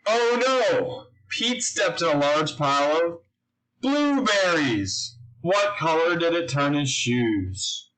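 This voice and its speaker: Slow-paced man reading to children. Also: on the high side, very animated, a bit bright, low-quality recording. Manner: slow, simple delivery with questions to young listeners. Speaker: story reader. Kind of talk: children's picture-book read-aloud.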